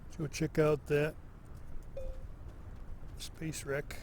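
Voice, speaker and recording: A man giving relaxed solo commentary as he plays, slow and musing, thinking aloud to himself. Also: on the high side, slight background noise. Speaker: gameplay commentator.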